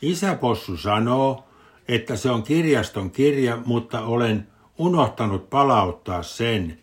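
A calm mother pig from a bedtime storybook, read by an older man in his own plain voice. She explains things in a matter-of-fact, unhurried way. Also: mid-range voice, natural voice.

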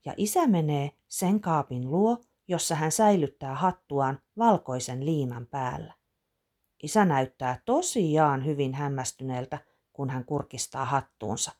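A woman reading a children's storybook aloud with expressive narration. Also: low voice.

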